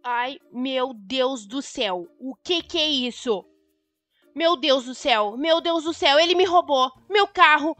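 A woman voicing a dramatic, outspoken young woman robbed by a fortune-hunter. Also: no echo. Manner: exclaiming, high and bright.

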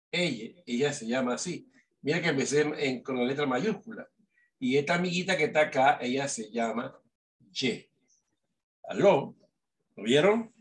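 A male teacher giving a remote lesson. He speaks slowly and with emphasis, and he keeps asking "¿verdad?" to check that students follow. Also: medium pitch. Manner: repeats "¿verdad?" often, slow emphatic dictation.

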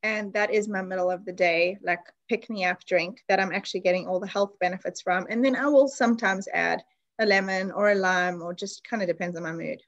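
A woman's voice: medium pitch, steady tone, brisk, dull audio. Chatty woman hosting an online class. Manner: chatty, enthusiastic, explaining. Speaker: class host. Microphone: video call.

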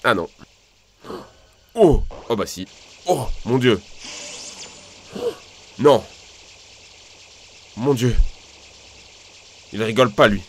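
A man giving gameplay commentary, excitable, loudly exclaiming and complaining as he plays. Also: medium pitch, drawn-out words, pauses often, a little hiss or hum. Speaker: gaming YouTuber.

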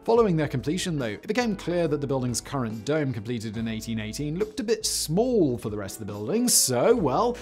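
A man's voice: mid-range voice, sing-song, brisk, hardly any pauses, faint music behind. A male host narrating a scripted history documentary, dropping in wry, sarcastic asides. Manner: wry, sarcastic asides with sudden loud outbursts.

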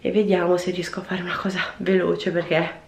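A woman's voice: fairly low pitch, level tone, brisk, darkish tone. Young woman, chatty vlogger, casual talk to viewers, echoey tiled bathroom, camera mic. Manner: chatty, talks to viewers while cleaning. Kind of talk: casual cleaning vlog chat.

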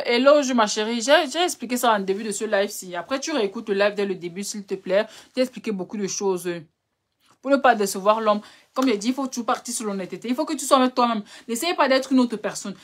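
A young woman runs a live relationship advice session, reading out viewer questions and answering each one. She speaks fast and a little high, with a direct, chiding manner, calling her listeners brother and darling.

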